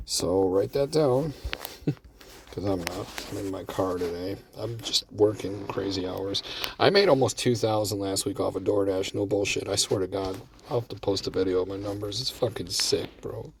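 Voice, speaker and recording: A man's voice: on the low side, moderate pace, gravelly, a little mellow, distant mic, slight background noise. A man talking casually from inside his parked car, cussing often and calling his viewers bro while commenting on his play. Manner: laid-back, swears often, calls viewers bro. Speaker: gambling strategy vlogger.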